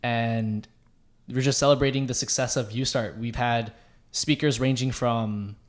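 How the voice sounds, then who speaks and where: A young man who presides over a student club chats on a podcast, upbeat and promotional. His mid-range voice stays fairly even and unhurried.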